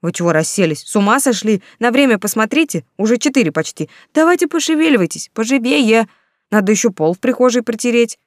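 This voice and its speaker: A woman voicing a brash, bossy young woman student in an audiobook, loud, scolding and sarcastic. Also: on the high side, lively intonation, fast, no echo, studio quality, natural voice. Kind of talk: audiobook character voice.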